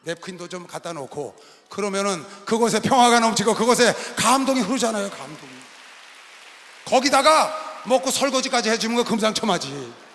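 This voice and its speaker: A middle-aged man preaching a sermon as pastor, telling stories with animated delivery and sudden bursts of shouting. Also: high voice, brisk, a little hiss or hum. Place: large arena hall. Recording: long reverb of a large arena hall.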